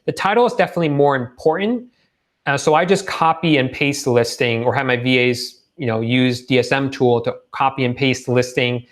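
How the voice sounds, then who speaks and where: A man's voice: mid-range voice, fairly quick, fairly bright tone. Casual man answering live-stream questions. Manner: reads viewer questions aloud and answers them casually. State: losing his voice in a hot room. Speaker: host of live Q&A on online selling.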